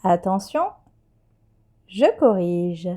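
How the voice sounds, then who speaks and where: A woman teacher, giving a patient, clear dictation lesson to young children and spelling letters one by one. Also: on the low side, expressive, extremely slow, dark tone. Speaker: primary school teacher.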